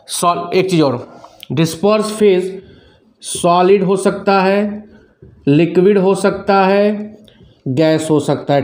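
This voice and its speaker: Middle-aged male chemistry teacher, high-pitched, asks and answers his own questions. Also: darkish tone. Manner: repeats questions and answers them himself; mixes English terms into Hindi. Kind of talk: classroom lecture.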